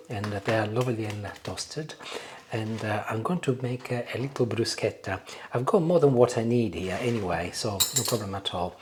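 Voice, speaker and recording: A man chatting casually as he demonstrates cooking, savouring the food. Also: medium pitch. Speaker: cooking show host. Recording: clear background noise, kitchen clatter.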